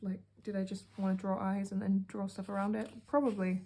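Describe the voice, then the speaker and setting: A young British woman with a mellow, warm voice talks through her sketchbook in a rambling, offhand way. Her sarcastic asides come between plenty of fillers. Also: medium pitch, flat delivery, a little fast. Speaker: art vlogger. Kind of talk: casual sketchbook tour narration.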